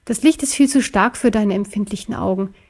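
A woman voicing a small, brave and kind male teddy bear who talks gently and reassuringly in a children's story. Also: mid-range voice, brisk, breathy edge. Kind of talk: storybook character voice.

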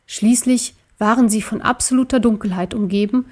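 Woman, children's story narrator, steady, measured. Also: a little high.

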